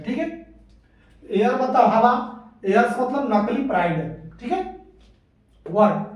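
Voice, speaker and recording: High-voiced male teacher in echoey room. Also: distant mic. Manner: explains patiently, repeats points, often asks "ठीक है ना?". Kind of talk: exam-prep grammar lesson.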